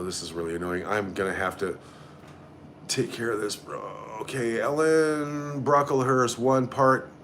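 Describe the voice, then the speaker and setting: A livestream host with a mid-range voice reads viewer comments aloud and reacts bluntly, sarcastically and with plenty of swearing in a casual stream. There's slight background noise.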